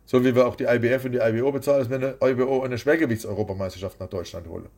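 A man's voice: medium pitch, racing, creaky, darkish tone. A man who is a boxing promoter, talking bluntly and rambling as the guest in an interview. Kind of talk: casual interview.

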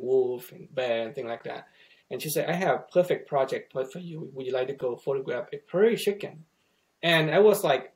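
A man's voice: medium pitch, a little mellow, poor audio. A middle-aged man from Thailand, a native Thai speaker, telling his story as a podcast guest with many restarts and fillers. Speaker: guest photographer. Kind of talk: casual interview storytelling.

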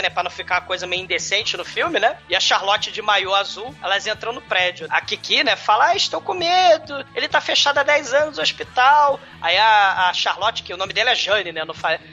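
A man retelling a horror film in casual podcast chat, crude and joking, mimicking characters in high voices. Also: normal speed, bright, forceful tone, faint music behind. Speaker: podcast co-host.

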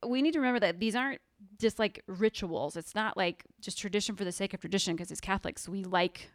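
A woman's voice: mid-range voice, fast, no room sound, studio quality. A woman co-hosting a casual faith podcast, talking earnestly with lots of "like" fillers. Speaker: podcast co-host.

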